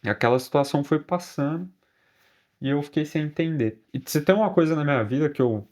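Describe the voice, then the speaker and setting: A man's voice: on the high side, fairly quick, a little mellow. A man with a Brazilian accent telling a personal story in a casual vlog, chatty with frequent tag questions and restarts. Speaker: vlogger.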